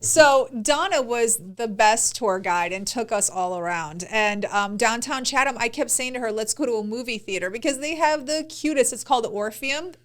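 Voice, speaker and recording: A woman's voice: on the high side, lively intonation, normal speed, few pauses. A woman co-hosting a podcast, telling a travel story in casual chat and teasing her husband. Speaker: podcast co-host.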